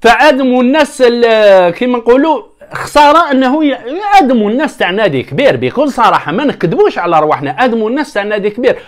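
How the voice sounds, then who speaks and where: Fast-talking Algerian football vlogger. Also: male voice, very high voice. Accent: Algerian Arabic. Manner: animated, rambling, addresses viewers as brothers. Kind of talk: casual football commentary vlog.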